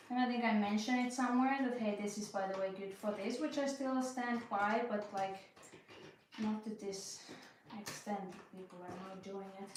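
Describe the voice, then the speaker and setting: A young woman hosting a puzzling channel, thinking aloud while she works, talking slowly with many fillers and restarts. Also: medium pitch, recorded from a distance. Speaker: speed puzzling channel host. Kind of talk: casual commentary while puzzling. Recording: very echoey room, voice off-mic, faint noise.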